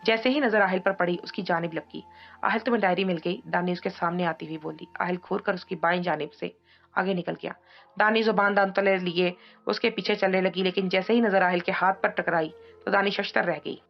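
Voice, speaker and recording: A woman narrates a novel in a steady, even telling, her voice gravelly with vocal fry. The audio is dull and lo-fi, with faint music playing underneath. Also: on the low side, fairly quick.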